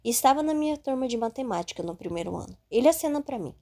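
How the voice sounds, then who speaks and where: A woman reading a first-person audiobook in a calm, steady way. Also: a little high, fast talker. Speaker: audiobook narrator.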